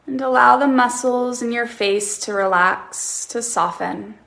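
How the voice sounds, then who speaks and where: Slow, creaky woman counting breaths in meditation. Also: fairly high pitch, fairly bright tone. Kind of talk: guided relaxation meditation.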